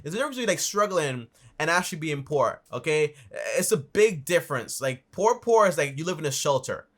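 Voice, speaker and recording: A man's voice: on the high side, sing-song, brisk, a bit bright. A man hosting a reaction show, chatting casually and rambling, repeating himself and tossing in okay and like. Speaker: host reacting to a video.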